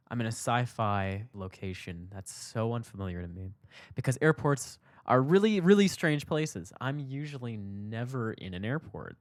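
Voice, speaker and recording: A young man hosting a podcast, telling a personal story in a candid, reflective way, his voice jumping up for emphasis and dropping low for asides. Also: no echo, studio quality. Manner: reflective, candid, swings between loud emphasis and soft asides. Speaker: podcast host.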